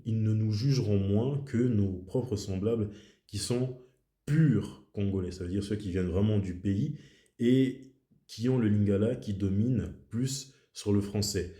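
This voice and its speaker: A man's voice: lowish voice, unhurried, warm tone, roomy sound. A man speaking his native French in a casual, reflective monologue as a video host, often repeating himself for emphasis.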